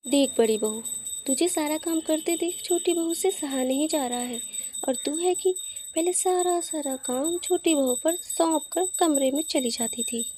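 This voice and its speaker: A woman's voice: high-pitched, unhurried, dark tone, slight background noise. A woman voicing a stern, scolding mother-in-law in a cartoon story. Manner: bossy, scolding.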